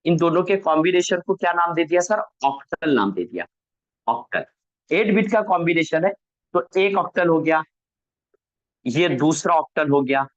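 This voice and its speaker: A man's voice: a little high, expressive, moderate pace, highs cut off. A man teaching a networking class online. He asks the class questions, answers them himself and corrects his own slips. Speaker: networking instructor.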